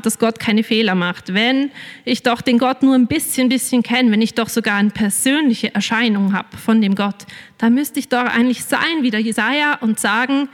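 A woman preaching a sermon in a casual storytelling way, with many fillers. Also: fairly high pitch. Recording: long reverb of a large hall.

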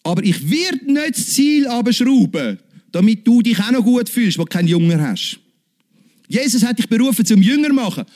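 A man preaching a sermon, emphatic, with big swings in pitch and repeated calls of Amen. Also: sing-song, normal speed, darkish tone.

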